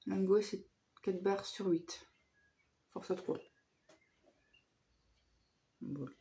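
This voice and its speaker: A woman vlogger with a hoarse voice chatting casually through a shopping haul, hesitant and full of fillers. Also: medium pitch, drawn-out words, dark tone, slight background noise.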